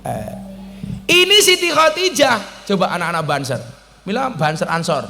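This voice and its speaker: A man gives a comic sermon to an outdoor crowd, with a high, bright, lively voice. He teases the audience and swings between loud exclamations and quiet asides. His voice rings out with a long reverb, as if through a public address system. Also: normal speed, gravelly, slight background noise. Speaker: preacher. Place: mosque courtyard event, outdoors.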